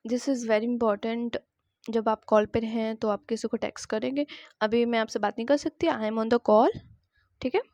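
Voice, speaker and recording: A young woman explains everyday English phrases in a friendly, chatty way. Her voice sits a little high and is recorded dry and close. She says each English line slowly and clearly so students can repeat it. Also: fairly even intonation, darkish tone, dry recording, highs cut off. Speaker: spoken English teacher. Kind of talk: teaching spoken English phrases.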